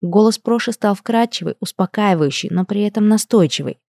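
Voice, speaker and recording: A woman reading a first-person audiobook with expressive, emotional storytelling. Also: mid-range voice, a little fast, gravelly, dry recording, clean studio sound. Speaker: audiobook narrator. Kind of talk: scripted first-person narration.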